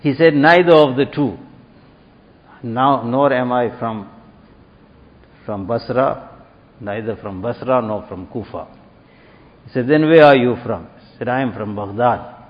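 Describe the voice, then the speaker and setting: A man's voice: mid-range voice, measured pace, long pauses. A man preaching a sermon, retelling a story and acting out its dialogue with rising emphasis. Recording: dull lo-fi recording with long hall reverb.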